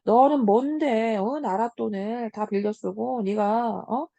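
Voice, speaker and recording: A woman's voice: on the high side, takes it slowly, vocal fry, dark tone, no echo, lo-fi sound. A woman teacher reading out a stern official who scolds a debtor, in a commanding tone. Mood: scolding.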